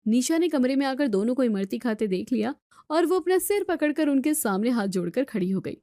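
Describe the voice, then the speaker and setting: A woman narrating a family story in a scripted, even storytelling style. Her tone is mellow and warm, and the recording is dry and close. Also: high-pitched, a little fast, dry recording.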